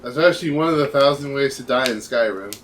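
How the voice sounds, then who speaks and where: A man's voice: medium pitch, fast, fairly bright tone, slight background noise. A man making dry, blunt remarks during a casual video game commentary. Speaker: let's play co-commentator.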